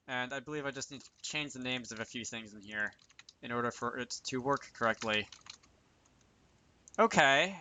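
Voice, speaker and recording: Close to a desk microphone, a man hosts a casual game programming tutorial in a mid-range, pushed, bright voice. He thinks aloud as he works, muttering to himself and correcting himself along the way.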